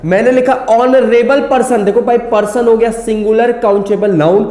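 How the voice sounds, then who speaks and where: A man's voice: very high voice, fairly even intonation, moderate pace, mellow. A man teaching an English grammar lesson, explaining step by step, repeating key words and asking and answering his own questions. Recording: echoey room with long reverb.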